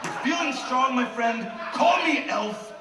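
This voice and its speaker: An actor playing a hot-tempered, proud short man in a film, menacing and shouting. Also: very high voice, expressive, unhurried, far from the mic, noisy background. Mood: furious, threatening. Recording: film clip replayed in echoey room, music, crowd.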